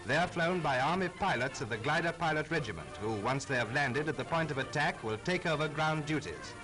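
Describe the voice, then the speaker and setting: A man's voice: fairly high pitch, expressive, poor audio. A man giving formal, patriotic narration on a 1940s wartime newsreel soundtrack. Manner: brisk, formal, patriotic delivery. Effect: old newsreel soundtrack. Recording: old newsreel soundtrack over loud music.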